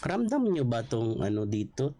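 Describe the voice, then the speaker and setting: A man's voice: sing-song, normal speed, mellow, poor audio. Filipino man preaching casually. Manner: conversational, mixing Tagalog and English, rising emphatic pitch on quotes. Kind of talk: Bible study sermon.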